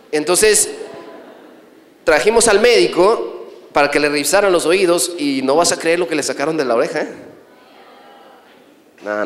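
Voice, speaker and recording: Middle-aged priest preaching, questions the crowd; bright high voice, echoey room. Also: male voice. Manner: storytelling, asks the audience questions. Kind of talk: sermon. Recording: echoey hall from a distance.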